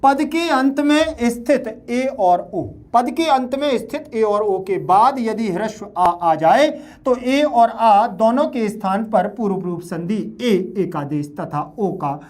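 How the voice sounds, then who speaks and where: Man, teacher, fairly high voice, patient, repeats himself, checks in often, everyday examples, class video. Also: expressive, slow, a little mellow. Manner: uses everyday comparisons. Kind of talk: explaining grammar in a class video.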